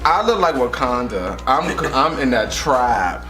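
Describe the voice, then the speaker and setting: A man's voice: medium pitch, very animated, takes it slowly. A giggly, drunk-sounding man vlogging in casual, playful chat, rambling and repeating himself. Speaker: vlogger doing a drunk makeup challenge. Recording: music playing behind the voice.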